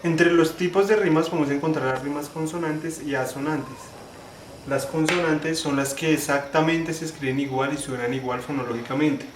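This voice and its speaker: A young man giving a class presentation, explaining step by step, restarting phrases and slowing down to spell out syllables. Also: fairly high pitch, steady tone. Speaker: student presenter. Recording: echoey room, faint ambient noise.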